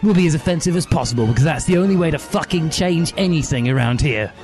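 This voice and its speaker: A furious teenage boy wizard with a revolutionary streak , played by a man reading aloud. He yells and screeches, swearing all the way. Clear music runs under the voice. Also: fairly high pitch, animated, fast, pitched above the performer's own voice, lightly acted. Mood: ranting.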